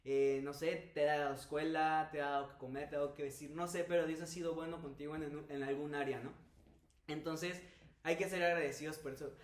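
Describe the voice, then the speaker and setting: A man co-hosting a faith discussion, talking in a friendly, conversational way. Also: a little high. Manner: friendly, conversational, reads scripture aloud. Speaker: youth group co-host. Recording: echoey room.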